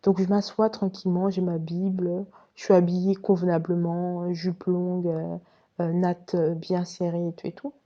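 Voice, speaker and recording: A woman's voice: lowish voice, flat delivery, normal speed, warm tone, highs cut off. A woman casually telling a personal story to her viewers, chatty and direct. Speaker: vlogger recounting her past.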